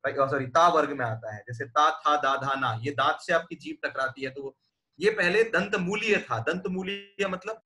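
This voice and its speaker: A man's voice: on the high side, bright, forceful tone. A man from India teaching a lecture, patiently explaining and demonstrating sounds aloud. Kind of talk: classroom lecture.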